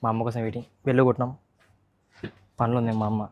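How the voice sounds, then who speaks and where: Fast-talking man. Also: medium pitch, little pitch movement, darkish tone, no echo. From Andhra Pradesh, India. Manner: chatty, teasing, talks straight to viewers. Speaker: vlogger. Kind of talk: casual vlog narration.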